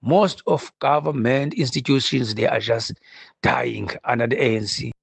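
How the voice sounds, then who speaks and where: A man's voice: mid-range voice, steady tone, normal speed, gravelly, husky, no echo. A man leaving a blunt, complaining voice message for a radio call-in show, played back on air. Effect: played back as a recorded voice message. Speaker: caller.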